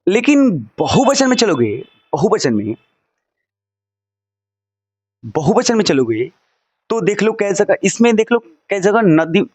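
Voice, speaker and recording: A man's voice: sits high, big pitch swings, unhurried, pauses often, darkish tone, no room sound. A male teacher giving a recorded lesson, drilling word forms with his students and repeating them over and over.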